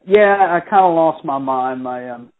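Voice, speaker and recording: A man in his forties, a home inspector guest, rambling and halting over a phone call that breaks up and drops out. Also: mid-range voice, lively intonation. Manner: rambling, halting, full of fillers. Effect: phone call breaking up and dropping out. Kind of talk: casual interview over the phone. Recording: tinny phone line.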